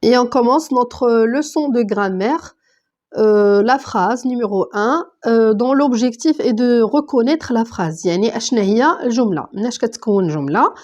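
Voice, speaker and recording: Female teacher, a touch high-pitched, patient and methodical in her explanations. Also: a little fast, darkish tone, lo-fi sound. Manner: patient, step-by-step explaining, reading words out one by one. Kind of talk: online grammar lesson.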